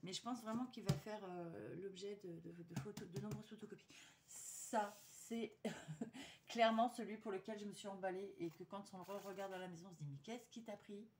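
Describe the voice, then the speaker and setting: Woman, casual haul vlogger, chatty and hesitant, mid-pitched, faint background hiss. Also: steady tone, fairly quick, a little mellow. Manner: chatty, hesitant, many fillers and restarts. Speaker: vlogger showing a paper haul. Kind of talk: casual chat to viewers.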